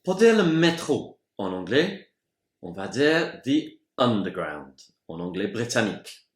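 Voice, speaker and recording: A man teaching English vocabulary, pronouncing example words slowly and carefully. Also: medium pitch. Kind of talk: bilingual vocabulary lesson. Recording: roomy echoey room.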